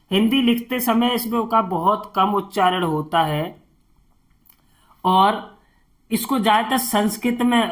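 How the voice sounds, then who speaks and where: Woman, Hindi teacher, slow and patient, repeats each sound and checks in with the listener, mid-pitched voice. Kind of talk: slow step-by-step alphabet lesson.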